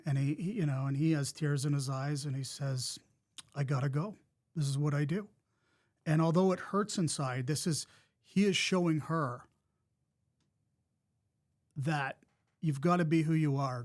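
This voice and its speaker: A man's voice: on the high side, darkish tone. A man hosting a podcast, talking in an encouraging, reflective way with frequent restarts. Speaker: podcast host. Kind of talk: casual interview talk.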